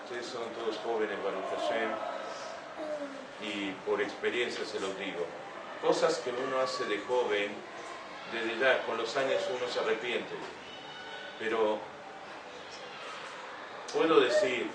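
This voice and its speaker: An older man speaks earnestly to a young audience, stopping often to ask rhetorical questions. His voice comes from some way off the mic in an echoey room, with steady room noise behind him. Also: fairly low pitch, takes it slowly, pauses often. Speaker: speaker giving a talk. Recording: echoey room heard from a distance.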